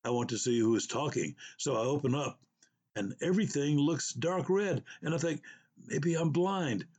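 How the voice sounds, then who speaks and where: A man's voice: fairly high pitch, moderate pace, darkish tone, breathy edge, voice pushed up. A man voicing a frightened woman recalling her fall, told in an uncertain first-person way. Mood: dazed. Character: frightened injured woman, dazed after a fall.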